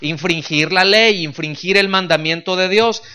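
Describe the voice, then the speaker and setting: A man's voice: sits high, moderate pace, sharp tone, smooth. A male pastor preaching a teaching sermon, explaining step by step and often checking that listeners follow. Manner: explanatory, checks understanding with frequent questions. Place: church.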